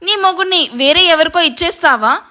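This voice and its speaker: A woman's voice: very high-pitched, animated, brisk, bright, forceful tone, voice pushed up, full character voice. Woman voicing a teasing young groom. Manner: teasing, joking.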